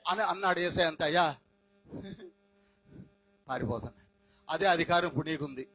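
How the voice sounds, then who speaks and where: A man preaching a Pentecostal sermon, firing questions at the congregation, swinging between shouts and quiet asides, dropping in English phrases. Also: a little high, normal speed, no echo, poor audio. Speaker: pastor.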